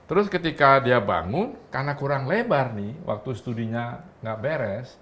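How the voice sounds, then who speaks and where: Talk-show guest: a man, animated, with a wide pitch range. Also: normal speed. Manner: animated, acts out quoted speech. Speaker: guest commentator. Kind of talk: casual talk-show chat.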